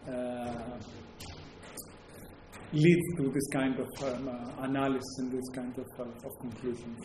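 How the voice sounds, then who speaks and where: The lecturer, a man with a Greek accent, talks to a live audience in a hesitant way, often restarting and using fillers. His dark, mid-range voice stays level and unhurried, captured in a very echoey room with faint noise behind it.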